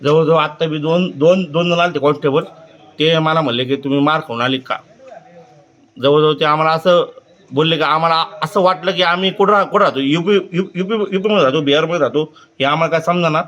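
A man telling a news reporter about an attack on his friend, halting and repeating words. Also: fairly high pitch, a bit bright, highs cut off. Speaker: friend of victim, interviewee. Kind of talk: news interview statement.

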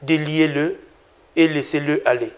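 A man reading as a solemn, calm Jesus. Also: a little high, a little slow, lightly acted. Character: Jesus, a calm grown man speaking with authority.

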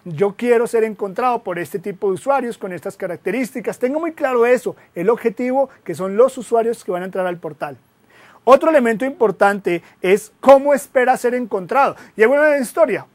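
A high-pitched man lectures a class as a guest web consultant. He keeps it lively, firing off rhetorical questions and poking fun at his own slips. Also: a little fast. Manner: lively, asks rhetorical questions, jokes at himself.

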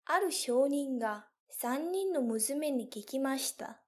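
Slow, high-voiced woman telling a story. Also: lively intonation, a little mellow. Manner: clear, careful, deliberate phrasing. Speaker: language teacher.

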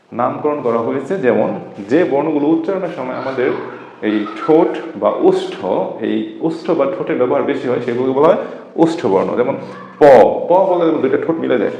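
A man's voice: mid-range voice, quick pace, dark tone. A man teaching a class-style lesson, who keeps asking rhetorical questions, answers them himself and repeats the key terms. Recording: echoey room, dull lo-fi sound.

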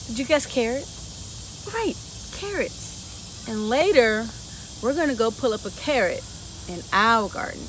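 Reading a picture book to children outdoors on a garden bench, this woman uses a fairly high, expressive voice at a measured pace, pausing often and playfully asking questions between the rhymes. Her camera sits a few feet away, and clear insect noise fills the background.

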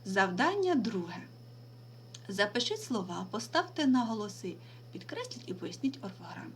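A woman teacher giving a recorded remote lesson, reading out words slowly and deliberately and stressing them. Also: medium pitch, sing-song, a little hiss or hum. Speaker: language teacher.

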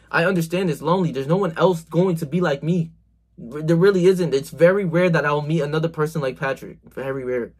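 A young self-improvement vlogger, soon to be twenty-one, talks into his phone camera from a small bedroom in a fairly high, slightly rough voice. His motivational message is slangy and emphatic, peppered with swearing and "bro," and he gestures a great deal.

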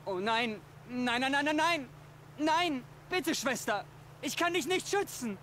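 An actor voicing a tormented man haunted by voices, speaking in a frantic, halting, desperate way in a video game. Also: extremely high pitch, lively intonation, sharp tone, slight background noise, full character voice. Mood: pleading.

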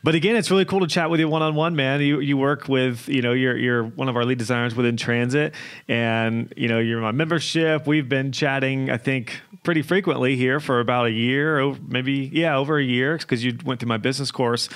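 A man's voice: medium pitch, steady tone, a little fast, a bit bright, smooth. Upbeat young male podcast host. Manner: upbeat, chatty. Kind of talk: casual podcast interview. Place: small home studio. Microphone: podcast mic on arm.

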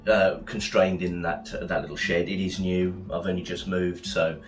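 Low-voiced man chatting through a DIY project. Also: fairly even intonation, moderate pace, faint music behind. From England. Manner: rambling, many fillers and restarts. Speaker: bushcraft video maker. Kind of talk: casual DIY vlog narration. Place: small shed and home workshop.

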